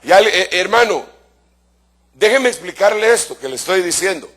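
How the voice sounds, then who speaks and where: A male pastor preaching a sermon with fervor. He addresses the congregation as brother and asks rhetorical questions. He swings between soft asides and shouted emphasis. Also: sits high, lively intonation, normal speed.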